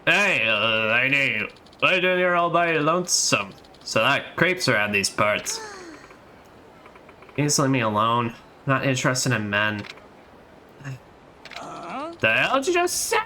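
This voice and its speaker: A man voicing a rude street thug, loud and sneering in a high voice. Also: very animated, unhurried, pauses often, a little hiss or hum, heavily acted.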